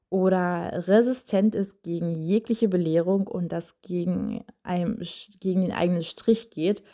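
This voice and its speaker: A woman gives parenting advice in a relaxed monologue, speaking directly to the listener. Her voice is low for a woman and mellow, and she talks in a direct, conversational way with frequent fillers.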